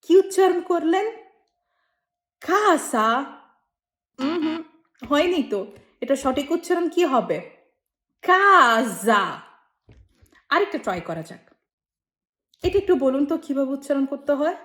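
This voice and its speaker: A woman teaching Italian pronunciation in a lesson, slowly demonstrating example words and then explaining them. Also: sits high, animated, warm tone, echoey room. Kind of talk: explaining pronunciation to Bengali learners.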